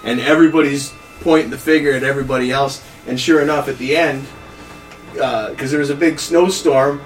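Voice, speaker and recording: A man's voice: medium pitch, steady tone, a little fast, recorded from a distance, faint music behind, rough recording. A man hosting a casual chat, retelling stories and acting out the dialogue, with some swearing. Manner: profane, acts out dialogue. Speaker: host.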